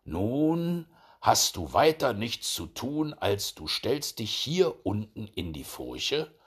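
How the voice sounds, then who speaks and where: A man's voice: fairly low pitch, big pitch swings, slow pace, husky, heavily acted. A man doing a cocky, sly little hedgehog. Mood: explaining. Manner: cocky, bossy. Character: sly stubborn male hedgehog.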